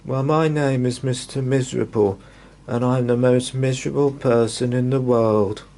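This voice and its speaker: A man voicing a miserable, gloomy little storybook character with a sad, squeaky, sniffy voice. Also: steady tone, normal speed, a little mellow, lightly acted.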